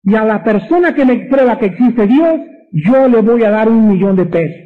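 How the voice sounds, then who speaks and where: A man voicing a loud, boastful atheist who challenges a village, heard through a tinny radio broadcast. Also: sits high, lively intonation, normal speed. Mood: challenging. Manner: brash, challenging.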